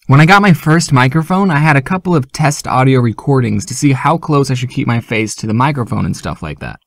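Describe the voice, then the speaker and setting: A man talking casually to his viewers as a YouTuber, joking with an animated delivery. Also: medium pitch, a little fast, creaky, dry recording. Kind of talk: casual vlog talk.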